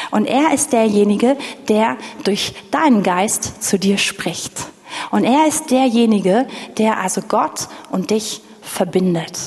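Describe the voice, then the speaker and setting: A woman's voice: medium pitch, darkish tone. A woman preaching a sermon, speaking earnestly to her congregation and often repeating herself. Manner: earnest, addressing the congregation directly, with frequent repetitions. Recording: reverberant hall.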